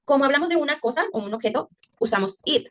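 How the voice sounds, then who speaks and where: A woman teacher explaining English grammar in Spanish, often checking understanding with a quick "ok?" and slowing down to stress English words. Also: high-pitched, lively intonation, fairly bright tone. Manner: slows down to exaggerate English pronunciation. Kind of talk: online English class taught in Spanish.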